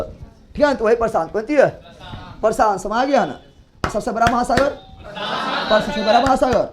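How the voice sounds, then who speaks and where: A man teaching geography, his voice sitting high, drills the students with repeated questions and scolds them jokingly.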